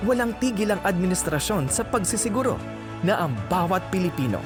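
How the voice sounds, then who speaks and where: A man's voice: high voice, lively intonation, brisk, over music. A man narrating a promotional video in a formal, scripted announcer style.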